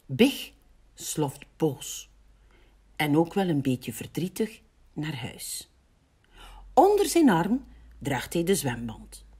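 Woman, library storyteller, slow and lively, breathy, gentle reading. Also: low-pitched. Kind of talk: reading a picture book aloud.

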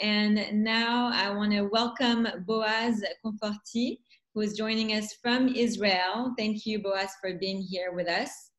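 A woman with a French accent, a festival founder introducing guests on a video call, talking with many pauses and fillers. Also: mid-range voice, steady tone, poor audio. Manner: hesitant, many fillers, warm welcoming. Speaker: festival founder hosting a panel.

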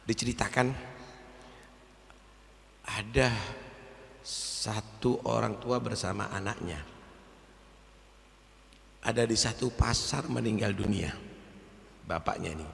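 A man preaching a fervent Islamic sermon, swinging from soft storytelling to loud exhortation and chanting Arabic verses in slow, drawn-out phrases. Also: on the low side. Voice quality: gravelly. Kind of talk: Islamic sermon at a religious gathering. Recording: long hall reverb.

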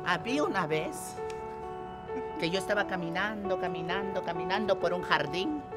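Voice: medium pitch, moderate pace, over loud music, lightly acted. An actor plays a flustered, doting mother who stammers and dodges questions. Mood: storytelling. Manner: stammering, dodgy, sing-song. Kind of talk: sketch comedy acting.

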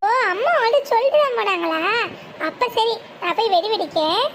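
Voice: extremely high pitch, expressive, brisk, noisy background. Someone voicing a tearful little cartoon girl. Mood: relieved. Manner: pleading, tearful. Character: little girl missing her mother.

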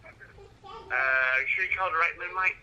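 A diner employee on a customer service call, halting and puzzled, heard through a phone speaker. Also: medium pitch, bright, forceful tone, dull audio. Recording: phone speaker with clear noise.

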